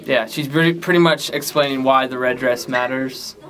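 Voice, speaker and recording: A man's voice: mid-range voice, steady tone, moderate pace, a bit bright. A man directing auditions, reassuring and a little hesitant. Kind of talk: casual direction.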